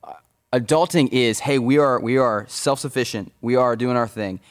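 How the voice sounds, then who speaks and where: A young man hosting a podcast, chatting casually in a relaxed, encouraging way and steering the talk. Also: mid-range voice, normal speed, clear, resonant tone, no echo, clean studio sound. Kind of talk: casual chat.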